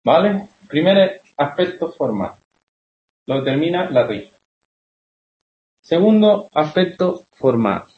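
Young guy teaching poetry class, kinda high voice, echoey dull recording. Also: big pitch swings, takes it slowly, long pauses. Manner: explanatory, keeps checking with questions. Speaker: literature teacher. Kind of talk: classroom lecture.

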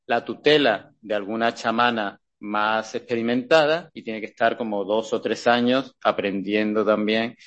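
Halting male lecturer, slightly dull sound. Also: on the low side, fairly even intonation, a bit bright. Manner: halting, many restarts and checking questions. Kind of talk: classroom lecture with slides.

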